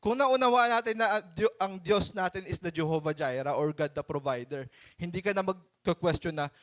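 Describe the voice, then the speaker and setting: A Filipino man preaching a sermon to his church in a conversational, animated way, acting out stories. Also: sits high, moderate pace.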